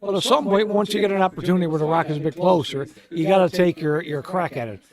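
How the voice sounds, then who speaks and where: A man's voice: high voice, fast talker, a crowd in the background. A man giving expert analysis on a curling match in an easygoing, explanatory way. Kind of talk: sports commentary.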